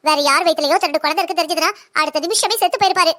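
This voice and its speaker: Woman voicing a sharp-tongued young daughter-in-law. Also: extremely high pitch. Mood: defiant. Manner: fast, blunt and lecturing. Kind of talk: cartoon drama voice acting.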